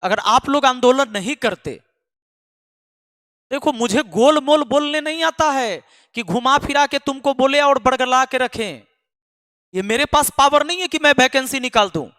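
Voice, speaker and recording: A man's voice: extremely high pitch, moderate pace, sharp tone, no room sound, studio quality, long reverb tail. A man who teaches math online, speaking to his students in an emphatic, scolding way and repeating lines for force. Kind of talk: impassioned address to students.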